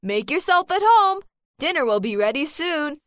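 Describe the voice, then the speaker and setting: A greedy, scheming fox in a children's storybook, all flattery and sweet talk, acted by a woman. The voice is high and bright, leaping up and down. The sound is close and dry. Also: moderate pace, no echo. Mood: fawning. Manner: sweet-talking, wheedling, chuckling to himself. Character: greedy sly male fox, scheming and fawning. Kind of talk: storybook character reading.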